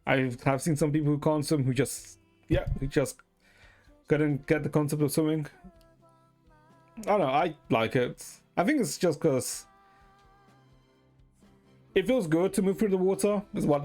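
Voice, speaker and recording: A live streamer rambles casually and hesitantly, often ending sentences with "right?" and swearing occasionally. The voice is medium-pitched and a little mellow, at normal speed with frequent pauses, with faint music behind it.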